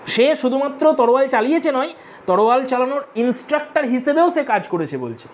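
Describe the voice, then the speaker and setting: A woman teacher reading a play aloud and explaining it line by line, reading English lines slowly and then paraphrasing them in her own words. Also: sits high. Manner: animated, expressive explaining. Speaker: literature teacher.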